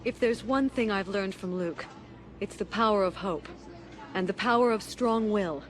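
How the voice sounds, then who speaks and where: An actress playing a determined rebel princess and leader in an audio drama, speaking earnestly and articulately. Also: female voice, medium pitch, normal speed, some chatter behind, natural voice. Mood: resolute. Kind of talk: audio drama acting over orchestral score.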